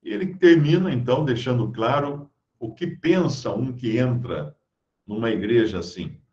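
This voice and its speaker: A man's voice: medium pitch, animated, normal speed, a little mellow. A man giving conversational Bible teaching, reading scripture aloud and explaining it with everyday stories. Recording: roomy, dull lo-fi sound.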